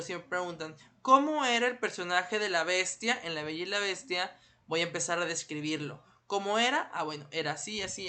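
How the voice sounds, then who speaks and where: A man's voice: sits high, bright, forceful tone. A man teaching an online class. He patiently asks his students questions and then answers them himself. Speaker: primary school teacher.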